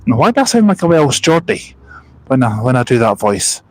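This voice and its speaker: A young man livestreams from a bus park and ride, speaking in a mid-range, sing-song voice at a slightly fast clip. He drifts between stories, calls out passing buses, and reads viewers' comments aloud, all in a dry recording.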